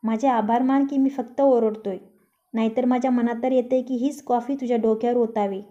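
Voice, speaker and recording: A woman's voice: a little high, steady tone, brisk, warm tone, lo-fi sound, lightly acted. A woman voicing a short-tempered young man who teases and snaps sarcastically, read in a storybook style. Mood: irritated sarcastic. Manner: taunting, sarcastic. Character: young man, grumpy, teasing, quick to snap.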